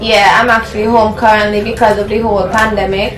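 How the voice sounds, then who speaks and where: Here the same kind of speaker talks fast: a young adult woman from Saint Vincent and the Grenadines, Vincentian accent, medium pitch, casually interviewing a guest by call and asking straightforward questions in a relaxed, chatty way. Recorded at work in an echoey room far from the mic, with a crowd and voices in the background.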